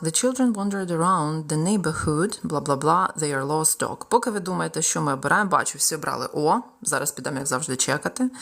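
A young woman with a Ukrainian accent, a tutor running a live exam-prep lesson, mixing Ukrainian explanations with English example sentences she reads out slowly. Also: sits low, gravelly, a bit bright.

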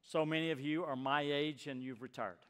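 A man in his sixties preaching a sermon as pastor, emphatic and swinging from loud urging down to hushed near-whispers. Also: a little high, normal speed, smooth. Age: 60s. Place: church sanctuary. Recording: long reverb of a church hall.

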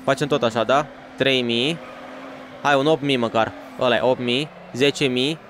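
A man playing a racing game for his channel, chatting in slangy, excitable bursts to himself and his viewers. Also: mid-range voice, a little hiss or hum. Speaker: gaming YouTuber. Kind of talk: let's play commentary.

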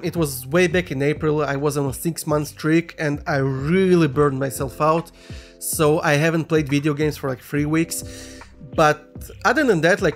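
A man in his thirties from Russia, casually reading viewer questions aloud and answering them in a relaxed vlog, on a studio mic in a small room. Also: fairly high pitch. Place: small room with neon lights, indoors. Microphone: studio mic on stand in front.

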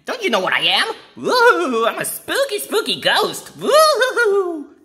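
A woman voicing a playful spooky ghost in a plush toy show, with drawn-out mock-scary woos. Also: very high voice, wildly swooping pitch, bright, forceful tone, full character voice.

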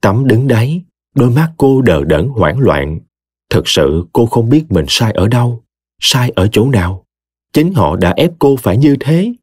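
A man narrating an audio story with an expressive, dramatic reading. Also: medium pitch, a little slow, breathy edge, no echo, clean studio sound.

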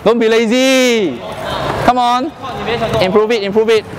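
Singaporean male PE teacher, high voice, Singlish, calling out drills in a very noisy sports hall. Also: a little slow. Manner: colloquial Singlish with particles and code-switching. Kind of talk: shouted coaching on court, casual instructions. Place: large indoor school sports hall. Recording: noisy echoing sports hall, bouncing balls.

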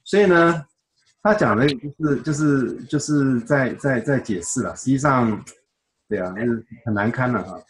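A man's voice: mid-range voice, normal speed, a little hiss or hum. A man teaching a casual Bible study, chatty, explaining with everyday examples and acting out quoted dialogue.

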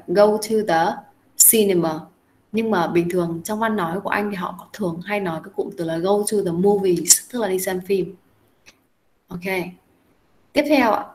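A woman's voice: mid-range voice, rough recording. A young adult woman teaching English, explaining a lesson and coaxing students with repeated questions.

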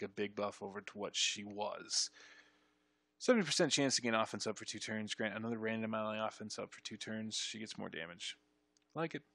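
A young man streaming, reading game ability text aloud and reacting with excited bursts in casual commentary. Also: lowish voice, creaky, dry recording. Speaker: streamer reviewing game ship changes.

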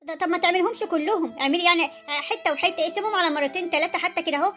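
A woman voicing a poor, gentle older mother-in-law in an Egyptian cartoon story, pleading and self-effacing, with an Egyptian accent. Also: extremely high pitch, very fast.

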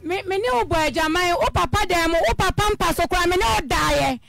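A woman's voice: extremely high pitch, quick pace, creaky, a bit bright, soft background music. A woman on a radio show, accusing her former partner in an emphatic way. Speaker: caller in a dispute.

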